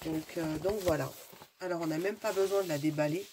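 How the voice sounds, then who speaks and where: A woman's voice: lowish voice, fairly quick, dark tone, a little hiss or hum. A woman with a stuffy nose, chatting casually and enthusiastically while unboxing, often searching for words. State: stuffy, sniffling. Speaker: craft video host.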